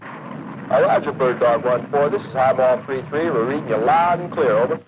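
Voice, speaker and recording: A man's voice: medium pitch, normal speed. A man as a businesslike attack pilot, speaking clipped military procedure over a helmet radio. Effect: helmet radio transmission. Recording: muffled vintage film, radio noise, music behind.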